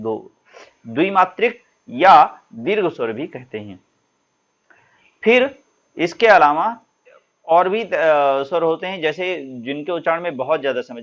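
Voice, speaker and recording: This classroom lesson features a man whose voice sits a little high, with the upper frequencies cut off. He teaches Sanskrit grammar patiently, stretching out example sounds so students can follow.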